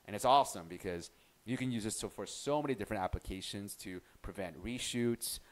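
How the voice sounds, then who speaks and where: A man hosting a casual software tutorial, chatty and relaxed, often restarting his sentences. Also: on the low side, brisk. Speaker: tutorial host.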